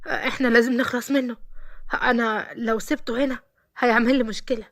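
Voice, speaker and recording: A woman's voice: fairly high pitch, steady tone, quick pace, fairly bright tone. A woman doing a stern secretive rich man. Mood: alarmed. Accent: Egyptian. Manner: warning, firm.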